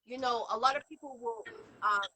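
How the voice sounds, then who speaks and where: A woman's voice: fairly high pitch, normal speed, pushed and bright, low-quality recording. A woman with a Boston accent hosting an interview, talking earnestly and rambling with many fillers and restarts. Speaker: show host. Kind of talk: casual interview chat.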